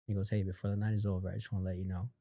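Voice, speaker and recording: A man with a low, mellow voice tells a family story in loose, conversational podcast talk. He acts out other people's lines as he goes and leans on fillers. The sound is close and dry, with no room ring. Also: flat delivery, very fast, dry recording. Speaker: podcast guest, company founder. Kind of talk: casual storytelling in an interview.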